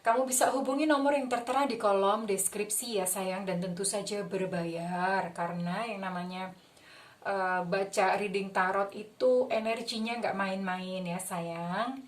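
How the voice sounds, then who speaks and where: A young woman with an Indonesian accent talks viewers through a tarot reading and a gentle healing exercise, her voice soft, soothing and affectionate. She sits a little back from the microphone, so the sound is slightly distant. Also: mid-range voice, fairly even intonation, unhurried. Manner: soothing, affectionate, mixes English phrases. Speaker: tarot reader. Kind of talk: guided healing visualization and tarot talk.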